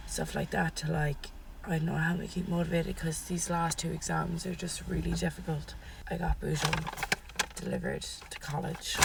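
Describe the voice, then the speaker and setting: Woman, twenties, chatty vlogger, low pitch, hoarse congested voice. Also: noisy background. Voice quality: gravelly, sometimes dropping to a whisper. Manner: rambling, peppered with "like" and "um". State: losing her voice, congested. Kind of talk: chatty vlog monologue. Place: at home and in her car.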